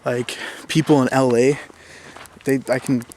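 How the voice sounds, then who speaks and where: Rambling to camera with many fillers and restarts, a young vlogger from southern Minnesota speaks with a Minnesotan accent. His medium-pitched voice has little pitch movement, a slightly slow pace and a darkish tone, and there is faint background noise.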